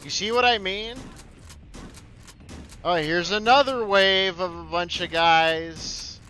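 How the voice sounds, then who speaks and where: A man's voice: sits high, slow, bright, forceful tone, a little hiss or hum. A young man streaming a shooter game, complaining and swearing as he plays. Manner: profane, complaining, sardonic. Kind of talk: casual gameplay commentary.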